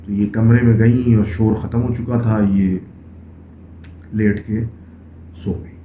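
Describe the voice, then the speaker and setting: A man with a lowish voice tells a haunted-house story in a relaxed, chatty way, often slipping English phrases into his talk. The sound is thin and phone-like, with room echo and a faint hiss underneath. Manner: conversational, mixes English phrases into Urdu. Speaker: story narrator. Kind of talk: casual horror storytelling.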